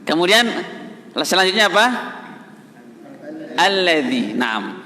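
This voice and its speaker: A man teaching Quran recitation in a mosque, patiently correcting students and chanting verses slowly. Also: a little high, lively intonation, pushed and bright. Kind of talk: tajwid lesson in a mosque. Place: mosque hall. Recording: reverberant mosque hall.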